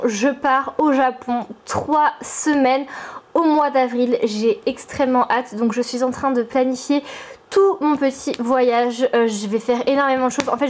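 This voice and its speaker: Young French woman, high voice, chatty at-home vlogger, upbeat and full of fillers. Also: a little hiss or hum. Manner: chatty, enthusiastic, filler-heavy. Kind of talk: casual chatty vlog. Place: her apartment.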